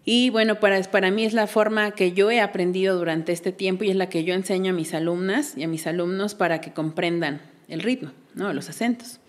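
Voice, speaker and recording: A woman's voice: mid-range voice, fairly even intonation, a little fast, hardly any pauses. A woman, a belly dance teacher, explaining patiently in a casual interview and counting beats aloud.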